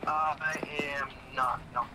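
A fairly high-voiced man in casual tactical banter with his squad, swearing freely. The game voice chat is very noisy, with loud engine and vehicle sound behind him. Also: steady tone, measured pace. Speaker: player in a military game squad. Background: loud vehicle and game ambience.

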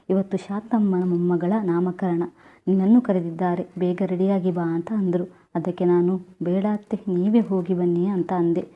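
A woman narrates an emotional story in the first person and quotes the other characters without changing her voice much. Her voice sits low and stays fairly flat. The sound is narrow and tinny, as if heard over a phone.

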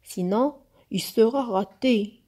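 A woman's voice: on the high side, expressive, slow, mellow. A woman voicing a fussy, grumpy little boy who grumbles and insists in a storybook.

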